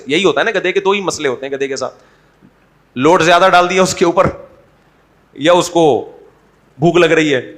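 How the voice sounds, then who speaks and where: A man's voice: fairly high pitch, fairly bright tone. A man preaching an Islamic sermon in a conversational, humorous way, asking the audience rhetorical questions. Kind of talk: Urdu sermon.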